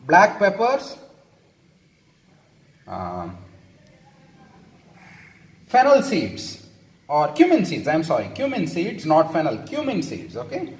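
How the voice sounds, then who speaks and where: A man's voice: sits high, huge pitch swings, slow pace, long pauses, reverberant. Chatty Indian man cooking in kitchen. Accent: Indian English. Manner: chatty, tags lines with "okay?", self-correcting. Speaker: home cook. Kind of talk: casual cooking tutorial. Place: home kitchen.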